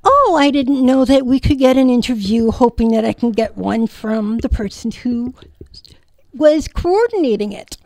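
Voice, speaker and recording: Woman, high voice, casual radio co-host, unscripted chat, dry close sound. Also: lively intonation, normal speed, darkish tone, no room sound, rough recording.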